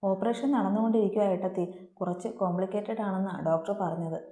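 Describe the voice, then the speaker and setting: A gentle young in-law who calms a worried sister-in-law with hesitant reassurances, voiced by a woman storyteller. The tone is mellow and soft-edged, heard in an echoey room. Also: mid-range voice, fast, lightly acted. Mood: reassuring. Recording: roomy echo.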